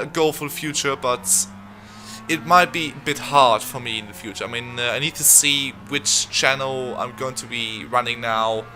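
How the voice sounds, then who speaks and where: A young man with a very bright, forceful voice, not a native English speaker, commentates on his racing game in a quick, rambling way full of fillers. Soft game music runs behind him. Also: mid-range voice. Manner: fast, rambling, chatty with many fillers. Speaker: sim racing channel host.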